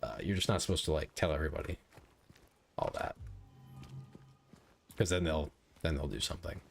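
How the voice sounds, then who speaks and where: A man's voice: extremely low pitch, expressive, moderate pace, vocal fry, soft background music. A man streaming a game, chatting with viewers in a rambling, joking way. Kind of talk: casual live-stream gaming chat.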